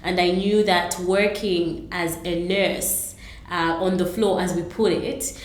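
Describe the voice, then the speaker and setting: A woman's voice: fairly low pitch, steady tone, slow pace, roomy sound. A middle-aged woman from Zambia, answering interview questions earnestly, with many ums and restarts. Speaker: interview guest, entrepreneur.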